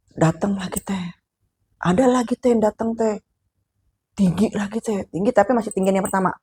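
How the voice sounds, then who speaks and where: A woman's voice: medium pitch, darkish tone, slightly rough. A woman with a Sundanese accent casually telling a horror story, chatty and addressing the listener directly as she goes.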